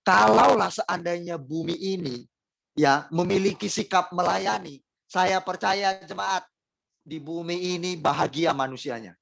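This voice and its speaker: Gravelly-voiced man preaching a sermon. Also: high voice, a little slow, fairly bright tone, no echo, low-quality recording. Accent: Indonesian. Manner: addresses congregation directly, rhetorical questions, emphatic repetition. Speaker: pastor.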